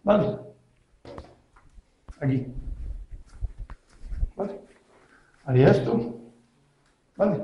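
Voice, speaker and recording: In a very echoey room, a man with a fairly high voice demonstrates self-defense moves step by step, often checking that his learner is keeping up. He speaks with lively intonation, stretches out his words, and pauses often, and the audio sounds dull.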